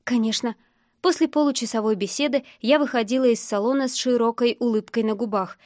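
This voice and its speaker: A woman reading a first-person story aloud in an even, measured audiobook narration. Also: a little high, no room sound, clean studio sound.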